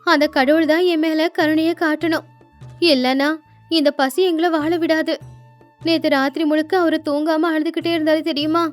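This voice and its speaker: A woman voicing a devoted young wife of a poor fisherman in a storybook, speaking in a gentle, pleading way. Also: sits high, little pitch movement, normal speed, faint music behind, natural voice. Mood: worried. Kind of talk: storybook narration with character voices.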